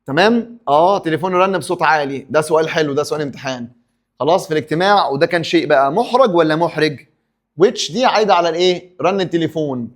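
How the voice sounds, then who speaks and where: A man's voice: on the high side, rapid-fire. A man with an Egyptian Arabic accent teaching an English exam review, asking and answering his own questions and stopping for pep talks.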